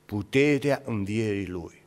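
A man preaching a sermon as pastor, moving between raised calls and hushed asides and repeating key phrases for emphasis. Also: lowish voice, lively intonation, in a large hall.

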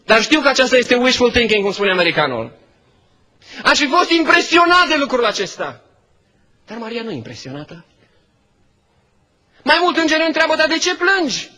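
A male pastor preaching a sermon, swinging between loud exclamations and hushed asides. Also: very high-pitched, sing-song, long pauses. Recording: long reverb of a large hall.

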